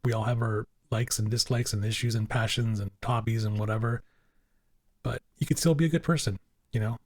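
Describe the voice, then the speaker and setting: A man's voice: on the low side, fairly even intonation, fairly quick, darkish tone, no room sound. A man co-hosting a casual podcast, rambling and filling his talk with "you know" and repeated words. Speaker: podcast co-host.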